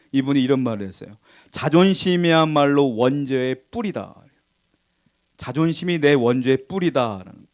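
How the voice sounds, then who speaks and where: A man preaching as a pastor, asking the congregation questions, reading scripture aloud, and swinging between loud emphatic lines and quiet asides. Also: fairly high pitch. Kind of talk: sermon. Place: church.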